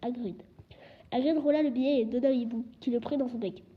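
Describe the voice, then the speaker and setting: A woman reading a storybook aloud, steady, with occasional slips. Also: high voice, fast. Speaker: audiobook reader. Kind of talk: storybook narration. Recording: dull lo-fi recording.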